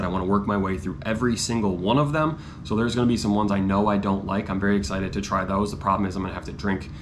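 A man's voice: fairly low pitch, noisy background. A young man talking casually to the camera as a running vlogger, chatty and self-deprecating. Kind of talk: casual vlog chat.

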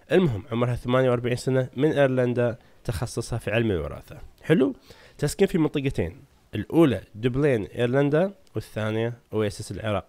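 Rapid-fire chatty man. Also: mid-range voice, a little mellow, dry recording. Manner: chatty, asks the audience "right?". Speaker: gaming channel host. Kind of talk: casual lore explainer.

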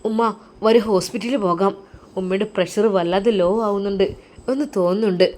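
A woman's voice: mid-range voice, a little fast, darkish tone, lightly acted. A woman voicing a shocked and grieving young man who pleads in distress.

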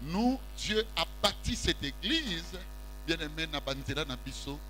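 Delivered at a measured pace, his sermon has a sing-song quality as the high, bright voice swoops upward while he walks the stage of a large church hall. The middle-aged preacher mixes French and Lingala in call-and-response with the congregation, speaking into a handheld mic. A faint hum runs through the rough recording.

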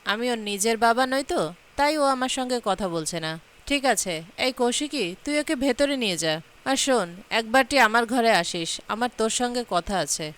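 A man's voice: extremely high pitch, lively intonation, normal speed, a bit bright, clear, resonant tone. Woman reading as a tearful pleading old father-in-law. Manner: pleading, emotional.

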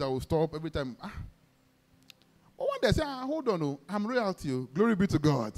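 A man with a Nigerian accent, a pastor preaching a sermon, telling stories with acted-out dialogue and leading the congregation in call-and-response declarations. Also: on the high side. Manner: exclamatory, peppers talk with praise shouts; vivid storytelling, acts out dialogue.

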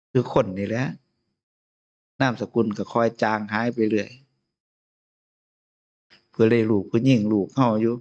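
A man's voice: medium pitch, steady tone, slow, pauses often, darkish tone, dull audio. A man with an Isan Lao accent giving an informal Buddhist sermon as abbot, chatty and chuckling often. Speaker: abbot giving a Dharma talk.

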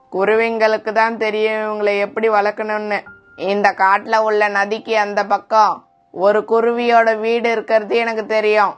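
Woman voicing Kalu, a calm sensible bird. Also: mid-range voice, smooth, close to an everyday voice. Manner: calm, reasoning. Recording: faint music behind.

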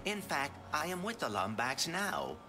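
A man's voice: fairly high pitch, huge pitch swings, measured pace, background noise. A man voicing a small, brainy robot sidekick with precise, formal, mild speech in video game dialogue over music. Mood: calm, polite.

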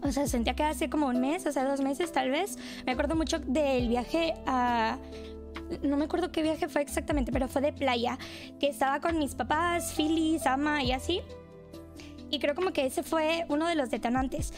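A woman's voice: high voice, moderate pace, over music. A woman streamer telling a personal story in an earnest, confiding way.

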